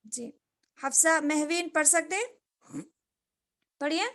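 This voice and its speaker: A woman's voice: sits high, a bit bright. A woman teaching a reading lesson, patiently modeling and correcting each letter sound.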